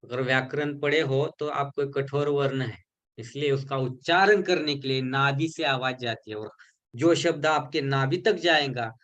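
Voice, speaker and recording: Guy teaching an online healing class, mid-pitch voice, slow and repetitive. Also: fairly bright tone, dull audio. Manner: explains slowly, repeats syllables to show pronunciation; mixes English terms into his explanations. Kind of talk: recorded online lesson.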